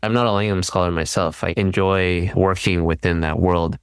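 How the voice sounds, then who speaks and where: A middle-aged man from California, a guest scholar telling his life story in a measured, thoughtful way in a podcast interview. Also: sits low, fairly even intonation, clear, resonant tone, no echo. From California, United States. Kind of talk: casual interview.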